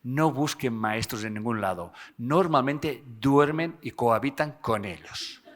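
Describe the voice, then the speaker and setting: A man gives a live talk to an audience, animated and joking, often tagging his sentences with a questioning "eh?". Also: medium pitch, measured pace. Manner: animated, tags phrases with "¿eh?" and jokes with the audience. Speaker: speaker giving a seminar.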